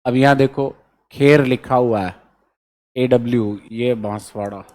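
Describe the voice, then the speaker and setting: In an unhurried, slightly mellow voice of medium pitch, a man teaching exam prep runs through memory codes letter by letter. He keeps asking whether students are following and repeats the key material.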